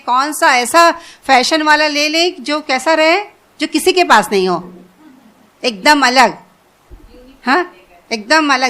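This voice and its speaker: A woman's voice: high-pitched, bright, forceful tone. A woman giving an informal religious lesson, talking conversationally, repeating phrases and asking her listeners questions. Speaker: Quran teacher.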